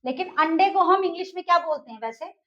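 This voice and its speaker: High-voiced woman teaching. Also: expressive, fast talker, bright, forceful tone, muffled recording. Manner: asks the class questions and repeats answers. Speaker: English teacher. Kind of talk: explaining a lesson step by step.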